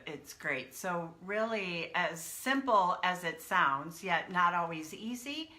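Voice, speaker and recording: A woman's voice: mid-range voice, sharp tone. A woman hosting a live-stream talk as head of a coaching company, upbeat and explanatory. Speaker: CEO and host of a coaching company.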